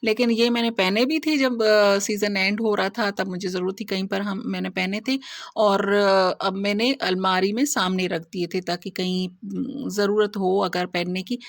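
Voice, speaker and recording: A woman's voice: mid-range voice, no room sound, studio quality. A middle-aged woman, chatting casually to viewers in a home vlog while she cooks and tidies. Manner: chatty, homely, talks to viewers while working. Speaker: home vlogger.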